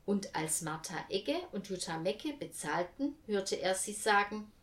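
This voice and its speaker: A woman reading a children's story aloud with clear, expressive storytelling. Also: medium pitch, a little slow.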